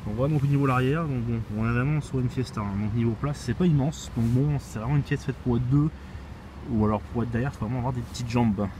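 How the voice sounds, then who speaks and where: A man's voice: medium pitch, quick pace, very noisy. A young man showing a car's cabin in a casual walkthrough, filling his talk with "euh" and restarts, filmed on a phone inside the car. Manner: chatty, heavy with fillers and restarts. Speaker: car reviewer. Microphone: phone camera.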